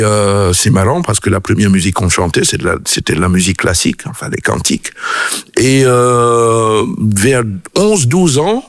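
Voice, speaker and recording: A man's voice: fairly low pitch, vocal fry, no room sound, studio quality. A middle-aged man from Cameroon, a choir director and music producer, answering radio interview questions thoughtfully, with frequent hesitations.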